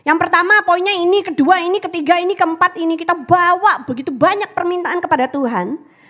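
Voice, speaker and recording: Animated high-voiced woman preaching a sermon. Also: fairly quick. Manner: animated, calls out to the congregation, drops to whispers for prayer lines. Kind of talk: lively church sermon.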